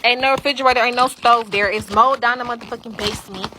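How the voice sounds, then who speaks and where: A young woman rants to her livestream audience in a casual, unfiltered way. Her voice sits a little high, and she swears freely, hammering each point home. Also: fairly even intonation, fast talker, noisy background. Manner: blunt, profane, emphatic ranting.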